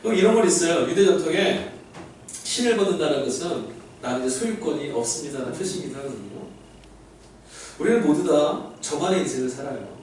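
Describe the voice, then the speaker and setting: A male pastor with a slightly high, fairly quick voice preaches animatedly in a large, echoey church hall, asking the crowd questions and acting out God's voice and the other lines he quotes. It's recorded from far off, with echo and faint noise.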